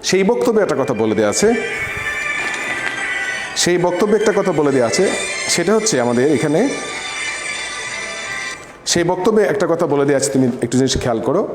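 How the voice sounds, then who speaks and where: A man's voice: a little high, sing-song, a little fast, long pauses, music in the background. A male physics teacher explaining an assignment step by step. He asks questions and answers them himself, repeats key points and mixes in English words. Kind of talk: classroom lesson explaining an assignment. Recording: echoey room with long reverb, faint background noise.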